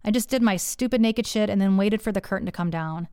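A woman's voice: mid-range voice, fast, dark tone, clean tone, dry recording, studio quality. A woman telling a first-person story in a candid, profane way, acting out the voices she quotes.

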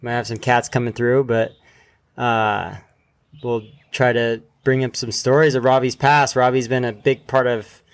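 A man's voice: medium pitch, level tone, unhurried, smooth, no echo. Casual male podcast host out in a backyard. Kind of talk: casual interview chat. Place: outdoors in a backyard.

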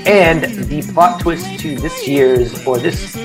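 A man's voice: a little high, wildly swooping pitch, takes it slowly. A man co-hosting a podcast, introducing a segment in a playful, sing-song way. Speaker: podcast co-host, segment presenter. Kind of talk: casual podcast chat. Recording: hip hop music behind.

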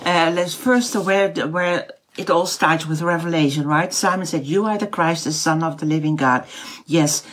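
Speaking at a moderate pace in a low-pitched voice, this Dutch house church teacher delivers an informal Bible teaching online in English with a Dutch accent. She's middle-aged, frequently searches for words with fillers and restarts, and there's slight background noise.

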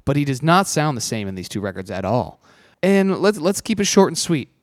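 A man's voice: a little high, sing-song, a little fast, no room sound, studio quality. A man co-hosting a casual music podcast, playful and agreeable in his banter. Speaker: podcast co-host.

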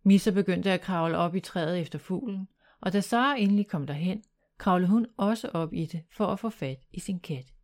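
A woman reading a children's bedtime story aloud in a calm, even storytelling manner. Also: on the low side.

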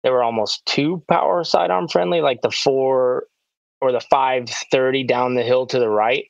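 A man and pro disc golfer, recapping his tournament in a relaxed, rambling casual chat full of "like" fillers. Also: medium pitch, moderate pace, creaky, dry recording. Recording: dull, dry lo-fi sound.

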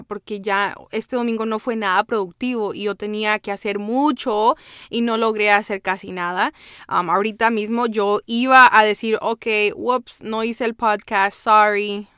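Woman, podcast host, casual code-switching monologue, smooth clear voice, dry close sound. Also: mid-range voice, steady tone, normal speed, fairly bright tone, no room sound. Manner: chatty, switches between Spanish and English, many "¿verdad?" tags.

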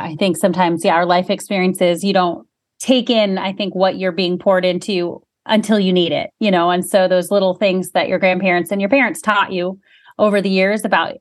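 A woman hosting an interview show, encouraging her guest with frequent affirming murmurs. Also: fairly low pitch. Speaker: podcast host.

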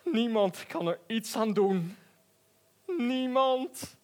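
A heartbroken lion wails his grief in a high, strained voice, as a man acts him out. His crying rises far above his usual tone, loud and tearful, yet gentle at heart. A spoken storybook figure. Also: extremely slow, exaggerated voice. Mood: resigned. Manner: wailing, tearful.

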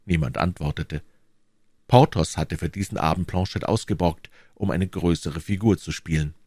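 A man narrating a classic novel aloud in a measured, expressive storytelling manner. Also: low-pitched, no echo, clean studio sound. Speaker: audiobook narrator. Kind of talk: scripted literary narration.

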